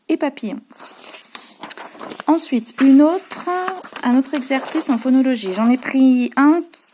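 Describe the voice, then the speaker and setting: A woman's voice: a little high, dark tone. Patient French preschool teacher, woman. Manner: patient, hesitant, many fillers. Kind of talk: explaining worksheets to parents.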